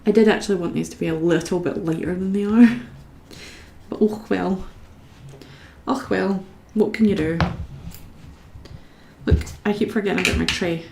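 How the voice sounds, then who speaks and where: In an echoey room, a young woman from Scotland colours on a live stream and chats to her viewers as she goes. Her fairly low voice is steady and a little mellow, with some creak, a normal pace and long pauses.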